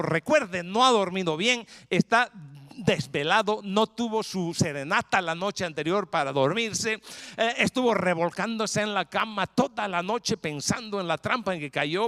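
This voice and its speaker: Male pastor, sermon, lively dramatized storytelling, rhetorical questions, high voice, dry close sound. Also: no echo. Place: church in Texas.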